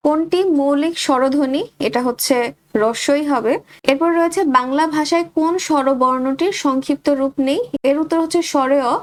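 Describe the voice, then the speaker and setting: A woman tutor with a Bangladeshi Bengali accent running a quick exam revision, reading each question and giving the answer straight to her students. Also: sits high. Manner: rapid question-and-answer drilling, addresses students directly.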